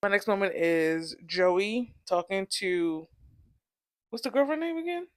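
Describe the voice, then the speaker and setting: A woman's voice: medium pitch, expressive, unhurried. A young woman co-hosting a casual book chat, laughing often and acting out characters' lines. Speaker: book podcast co-host.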